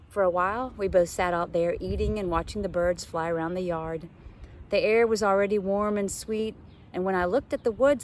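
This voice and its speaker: Reading a children's novel the way a teacher would, a woman delivers an expressive, dramatic and suspenseful storybook performance. Her voice is mid-range, with slight background noise in the recording.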